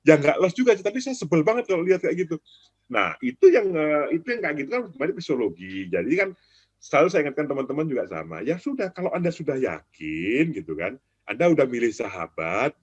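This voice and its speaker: Husky, animated male trading host. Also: fairly high pitch, quick pace, dry recording, dull audio. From Indonesia. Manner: animated, acts out quoted traders in raised voices. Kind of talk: casual chat.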